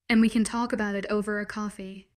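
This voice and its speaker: A woman's voice: medium pitch, level tone, fast, a little mellow, lightly acted. A woman voicing a sarcastic young woman held captive, in a storybook reading.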